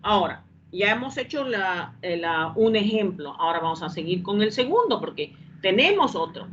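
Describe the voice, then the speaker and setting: A woman with a medium-pitched, very animated voice teaches an English grammar lesson at normal speed, classroom style. She patiently repeats each step and checks whether the class understands, over a dull lo-fi recording with a faint background hum.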